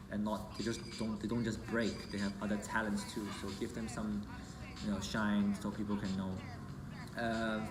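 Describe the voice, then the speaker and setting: A man's voice: on the low side, echoey room, noisy background. A man born in Hong Kong and raised in the UK, giving a casual, rambling thank-you speech as an event organizer, with many fillers and self-corrections.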